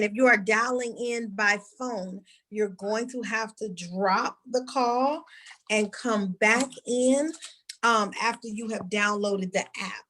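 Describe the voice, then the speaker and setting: A woman's voice: medium pitch, low-quality recording. A woman hair school instructor leading an online orientation over a video call, calling on students by name in a friendly, directive way.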